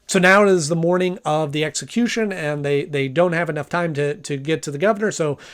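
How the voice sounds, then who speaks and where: A man with a slightly high, clear and resonant voice talks through a review informally, a little fast. He recaps and comments as though chatting casually.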